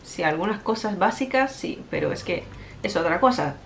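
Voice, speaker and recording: A woman's voice: medium pitch, normal speed, slight background noise. Woman speaking fluent Spanish. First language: Japanese. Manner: animated storytelling, frequent laughs and fillers. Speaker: interview guest; Spanish teacher. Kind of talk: casual interview chat.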